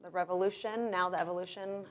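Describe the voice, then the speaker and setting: A professional wrestler in her thirties, born in Florida but raised in Russia, speaks enthusiastically in a casual interview, rambling and restarting a lot. Her lowish voice moves quickly with fairly even intonation.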